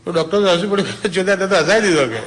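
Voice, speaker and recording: Man telling raunchy jokes to friends, higher-pitched, lowers his voice to play the characters. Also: quick pace, slight background noise. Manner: lively storyteller, drops to a low voice for dialogue, laughs at own punchlines. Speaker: joke teller. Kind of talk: telling adult jokes to a small group.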